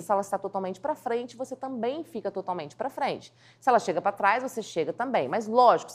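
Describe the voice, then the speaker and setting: A woman teaching communication skills in a lively video lesson, acting out little scenes as she goes. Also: on the high side. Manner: animated, acts out little scenes in quotes. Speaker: communication coach.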